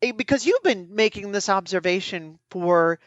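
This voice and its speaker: A woman in the middle of her range talks things through in an earnest, thoughtful way. She draws out her vowels with a gentle sing-song lilt. The recording is dry and a little muffled. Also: medium pitch, expressive, moderate pace, no echo. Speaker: podcast co-host. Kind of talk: casual conversation.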